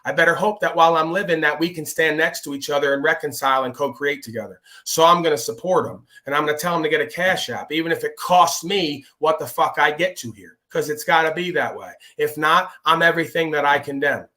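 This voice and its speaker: A man's voice: a little high, fast, hardly any pauses, sharp tone. A man hosting a livestream who rambles on in a profane, sermon-like way about ego and spirit. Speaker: livestream host. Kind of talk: rambling preachy monologue.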